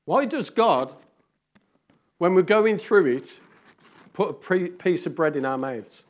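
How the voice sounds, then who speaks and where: A man preaches an informal sermon, his voice sitting a little high for a man. He teases the congregation by name and swings between loud calls and hushed asides. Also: lively intonation, slow pace. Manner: chatty, teasing the congregation by name. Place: church hall among a congregation.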